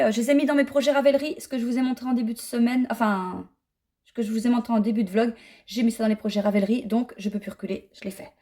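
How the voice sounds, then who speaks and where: A woman's voice: fairly high pitch, darkish tone. A middle-aged woman chatting casually in a knitting vlog, rambling and self-mocking as she talks. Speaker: knitting vlogger. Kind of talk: casual chat.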